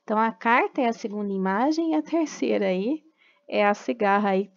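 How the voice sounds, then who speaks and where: A woman's voice: mid-range voice, expressive, a little fast, highs cut off. A woman from Brazil teaching a remote class, patiently explaining step by step and checking in with tag questions.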